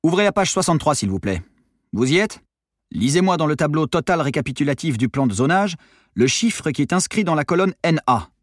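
A man's voice: fairly high pitch, big pitch swings, a little fast, dry recording, clean studio sound. A man playing an impatient stubborn police commissioner. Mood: insistent. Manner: insistent, commanding.

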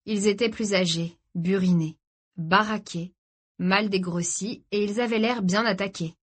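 At a medium pitch, a female narrator works through a novel's scripted text in an even, composed reading voice for an audiobook.

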